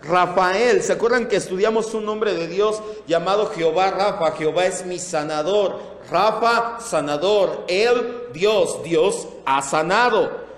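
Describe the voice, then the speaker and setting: A man teaching a Bible class, speaking slowly, repeating key terms and calling on listeners by name. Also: high voice. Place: church meeting room with projector. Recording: echoey hall.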